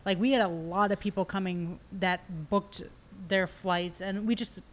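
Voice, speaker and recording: A woman's voice: medium pitch, steady tone, a little slow. A woman who is a guest on the chat, talking casually and chattily as the bride. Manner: chatty, often laughing along.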